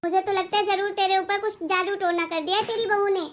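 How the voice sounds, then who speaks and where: A woman's voice: very high voice, steady tone, brisk, a bit bright. A woman voicing a meddling younger sister in a family cartoon story, taunting and complaining. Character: meddling younger sister, sharp-tongued critic.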